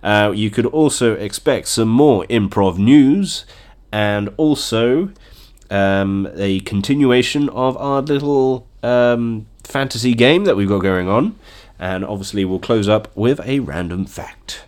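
Congested from a cold, a podcast host rambles through a relaxed solo episode, joking around and laughing frequently. He talks slowly in a lowish, darkish voice.

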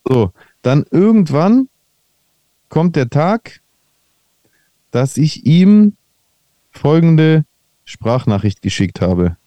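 Guy chatting on a podcast, warm mellow voice, dry close mic, keeps restarting his sentences. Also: a little high, big pitch swings, very slow, long pauses, no room sound, lo-fi sound. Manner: chatty, meandering anecdotes with many restarts. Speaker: podcast host. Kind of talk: casual podcast chat.

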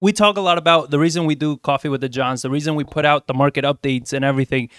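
A man's voice: fairly high pitch, fairly even intonation, fast talker, a bit bright, clear, resonant tone, no echo, clean studio sound. A man co-hosting a casual podcast chat, explaining bluntly with a joking edge. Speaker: co-host.

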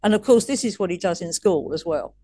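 A woman's voice: on the low side, expressive, a little fast, dark tone, a little hiss or hum. A woman coach as an interview guest, telling stories in a chatty way with frequent restarts and laughs. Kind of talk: casual interview storytelling.

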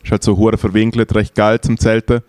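A man's voice: on the low side, little pitch movement, a little fast, a little mellow, no echo. A young man with a Swiss German accent telling rambling, slangy stories in casual chat with many fillers. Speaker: podcast co-host.

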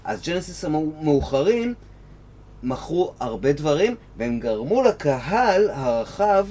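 A man's voice: on the high side, sing-song, darkish tone, slight background noise. A man on a panel call, eagerly cutting in with repeated starts to make his point. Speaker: panel guest. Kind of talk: casual debate.

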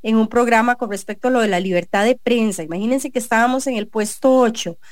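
A woman with a Costa Rican accent, a journalist hosting a business radio show, talks fast in a fairly high voice with no echo. She gives an earnest editorial and interviews a guest, with many restarts and fillers.

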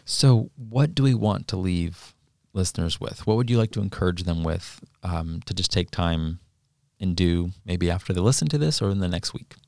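A man with a very low voice hosting a podcast conversation. He talks earnestly and encouragingly, thinking out loud with little restarts. The sound is dry and close. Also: expressive, normal speed, vocal fry, dry recording. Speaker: podcast co-host.

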